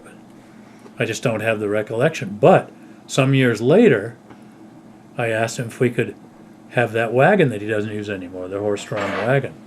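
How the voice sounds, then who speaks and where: An older man at home casually telling stories from his childhood, unhurried and rambling, often trailing off softly at the end of a phrase. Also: lowish voice, a little hiss or hum. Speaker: storyteller recalling his childhood.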